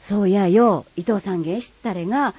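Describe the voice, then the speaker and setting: A woman's voice: mid-range voice, normal speed, husky, no room sound, close to an everyday voice. A woman voicing a chatty Kagoshima local woman, talking with a neighbor in broad dialect. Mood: gossipy. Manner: broad dialect, lively and exclamatory. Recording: slightly muffled dry recording.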